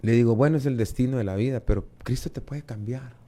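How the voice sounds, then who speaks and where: A man with a Guatemalan Spanish accent tells his story as an interview guest. He gets animated, putting on the voices of the people he met and doubling up on words as he goes. His pitch sits in an ordinary middle range. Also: fast talker. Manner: lively storytelling, acts out dialogue, repeats words. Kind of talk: testimony in an interview.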